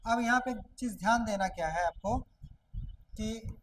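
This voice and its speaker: A woman's voice: on the high side, poor audio. Woman teacher, patient step-by-step explaining. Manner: repeats questions and answers them herself, drawn-out words. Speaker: shorthand teacher. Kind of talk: classroom lesson explaining step by step.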